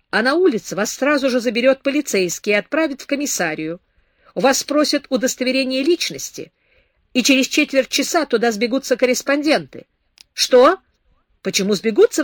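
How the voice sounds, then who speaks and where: A woman reading a stern, sarcastic man who lectures a drunk young woman, with a loud, raised delivery. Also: on the high side, no room sound, studio quality, pitched above the performer's own voice. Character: stern scornful man scolding a drunk girl.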